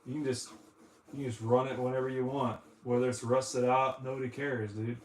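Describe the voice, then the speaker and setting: In an echoey room, a man from the United States cleans consoles during a casual live stream, talking fairly quickly in a medium-pitched, flat voice with little pitch movement, rambling, joking and saying "dude" a lot.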